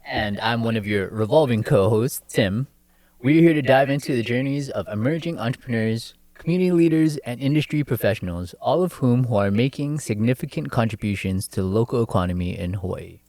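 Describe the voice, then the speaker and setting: A man's voice: medium pitch, lively intonation, brisk, a little mellow, no room sound. A man co-hosting a podcast, asking casual, rambling questions with restarts. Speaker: podcast co-host. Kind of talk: podcast interview.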